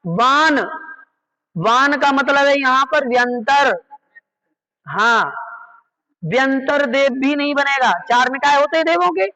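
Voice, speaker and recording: A man with an extremely high, pushed and bright voice teaches a slow, explanatory class on Jain scripture, patiently repeating key terms and checking his listeners follow. He speaks slowly with long pauses, and the audio sounds dull.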